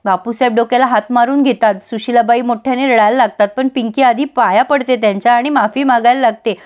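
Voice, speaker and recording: A high-voiced woman retells a TV serial episode, storytelling and turning to speak to her viewers directly. She narrates in a chatty recap style. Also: steady tone, fast talker, highs cut off.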